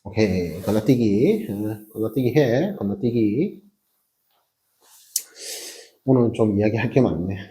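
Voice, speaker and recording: A man's voice: lowish voice, animated, unhurried, pauses often, warm tone. A man teaching a math class, explaining step by step with emphatic rhetorical questions to his students. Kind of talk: classroom lecture.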